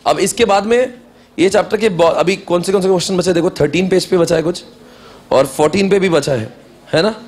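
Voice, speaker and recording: A man teaching a classroom lecture in Hindi and English, sternly urging students to study, then reading exam questions aloud slowly. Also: high voice, husky.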